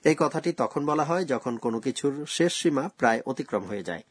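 A man presents a scripted language lesson, walking through grammar rules slowly and with care. His voice is husky, and the recording is dry and close with no room sound. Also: mid-range voice, expressive, no room sound. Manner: slow, careful explaining of grammar rules.

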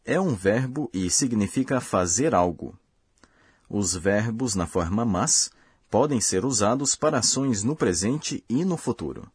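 A man with a husky, low-set voice reads a language lesson in a slow, careful, explanatory way. The sound is dry and close, with no room around it. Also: lively intonation, no room sound. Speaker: language course host. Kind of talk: scripted lesson narration.

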